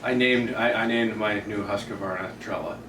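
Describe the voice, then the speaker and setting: A man's voice: on the low side, steady tone, moderate pace, background noise. Interview guest, male, Vermont accent, casual and self-deprecating rambler, distant mic in an echoey room. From Vermont, US Northeast.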